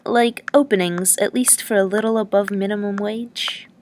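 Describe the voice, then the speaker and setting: A woman's voice: mid-range voice, steady tone, moderate pace, noisy background, natural voice. A woman reading the lines of a young woman traveler who answers briefly and hesitantly.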